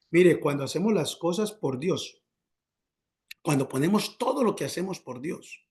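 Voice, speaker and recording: Man preaching with fill-in questions. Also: a little mellow. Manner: call-and-response questions, repeats words when searching; acts out prayers and dialogue in a higher voice. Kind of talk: sermon.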